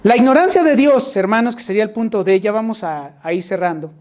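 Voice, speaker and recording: A man's voice: high-pitched, lively intonation, quick pace, a little mellow. A man with a Mexican accent preaching a sermon, often turning to his listeners with rhetorical questions. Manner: addresses the congregation with rhetorical questions.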